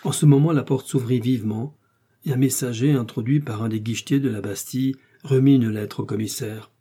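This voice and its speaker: A man reading a novel aloud as audiobook narration, in a measured, even way. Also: medium pitch, husky.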